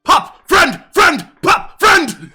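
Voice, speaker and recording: A man voicing a pack of excitable, friendly fae dogs that bark out single words in loud, high yelps. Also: drawn-out words, soft background music, exaggerated voice. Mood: excited.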